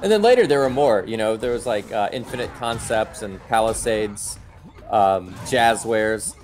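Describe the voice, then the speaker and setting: Answering viewer comments on his live stream, a middle-aged host chats casually and shares his views over background music. His voice is lowish, animated and slightly mellow at a moderate pace, with a little hiss or hum in the recording.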